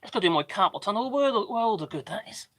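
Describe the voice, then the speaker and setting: A man with a slightly mixed Norfolk English accent and a squeaky voice, chatting casually and ramblingly as he hosts a livestream. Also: expressive, a little fast, a bit bright. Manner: rambling, chatty, self-interrupting. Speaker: livestream host doing DIY work.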